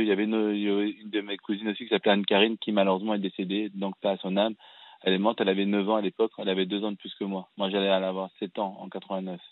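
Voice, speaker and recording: A man in his thirties from Cameroon calls in to a radio program. He speaks in a low, rather even voice, earnest and halting, often restarting his sentences. The sound is tinny and narrow like a telephone line, with no room echo. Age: 30s. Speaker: caller. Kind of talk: phone-in personal testimony.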